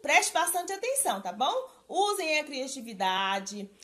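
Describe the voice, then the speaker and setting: Slow sing-song woman teaching children. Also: high-pitched, sing-song, fairly bright tone. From Brazil. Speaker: primary school teacher. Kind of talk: recorded remote lesson for children.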